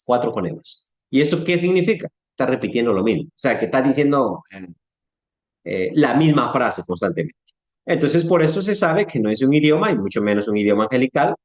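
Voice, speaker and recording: A man's voice: medium pitch, roomy sound. A man with a Latin American Spanish accent teaching an informal church class, putting questions to his listeners and acting out speech sounds. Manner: conversational, asks the audience questions, acts out sounds. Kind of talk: informal Bible-class lecture.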